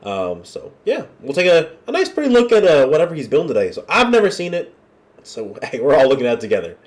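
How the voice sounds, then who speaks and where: A man's voice: fairly high pitch, huge pitch swings, quick pace. A man with a congested, nasal voice from being under the weather, chatting casually to viewers as he hosts a reaction video. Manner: colloquial, chatty, addressing viewers as y'all. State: under the weather with a cold, wearing a nose strip.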